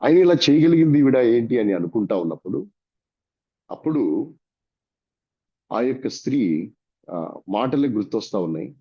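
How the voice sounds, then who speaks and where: A man's voice: mid-range voice, big pitch swings, normal speed, long pauses, slightly rough. A man from India with a Telugu accent preaching a sermon, telling a story and acting out its dialogue. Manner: dramatic, acts out the dialogue of the story. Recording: dull lo-fi recording.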